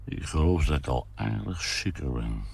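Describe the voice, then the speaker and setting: A man's voice: very deep voice, a little slow, creaky, husky, heavily acted. Een man die speelt een mompelende, zwaarmoedige vijftiger. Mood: weary. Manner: mumbling, hums to himself, rambling. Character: weary wistful drinking man of about fifty. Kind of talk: read-aloud short story.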